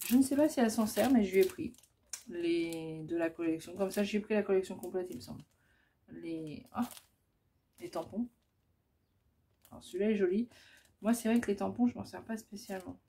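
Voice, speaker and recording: A woman's voice: medium pitch, normal speed, long pauses, mellow. A woman chatting casually as she shows off her scrapbooking crafts, hesitant and full of fillers. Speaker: scrapbooking vlogger. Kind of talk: casual show-and-tell.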